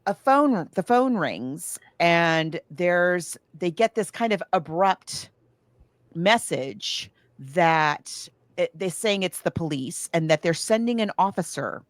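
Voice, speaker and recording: An American woman co-hosts a podcast about books and films, telling stories casually and often backtracking as she talks. Her voice is fairly low and expressive, and she takes her time. The recording is dry, with clean studio sound.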